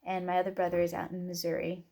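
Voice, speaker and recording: A woman's voice: lowish voice, monotone, quick pace, dark tone. A woman in her twenties from Oregon, introducing herself as a student in a casual, rambling way with many fillers. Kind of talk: casual self-introduction video.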